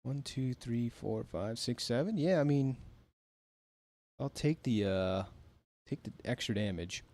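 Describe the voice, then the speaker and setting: With a darkish, mid-range voice, lively intonation, and a measured pace, this American streamer relaxes at home near a big city, laughing frequently as he goes through his chat during a gaming session.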